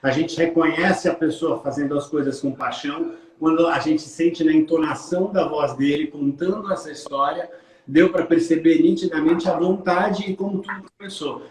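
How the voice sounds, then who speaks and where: A man's voice: fairly high pitch, steady tone, moderate pace, a little mellow, echoey room, low-quality recording. A man co-hosting a casual interview, making affirming comments to the guest. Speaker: co-host, lawyer.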